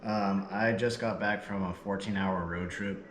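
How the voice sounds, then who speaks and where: A man's voice: sits low, fairly even intonation, a little slow, fairly bright tone, slight background noise. A tired, slightly out-of-breath man casually rambling to his viewers as he unboxes and reviews a product. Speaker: vlogger. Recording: echoey room with background music.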